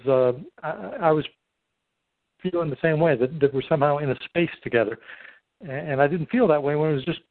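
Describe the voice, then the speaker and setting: A man's voice: a little high, dry recording. A middle-aged man hosting a podcast, chatting casually and hesitantly on a three-way phone call. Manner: hesitant, halting, wordy. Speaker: podcast host. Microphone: telephone call. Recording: tinny phone-line sound.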